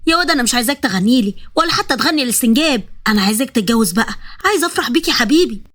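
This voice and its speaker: A woman's voice: on the high side, expressive, racing, fairly bright tone. A woman doing a nagging Egyptian mother. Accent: Egyptian Arabic. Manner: nagging, exasperated.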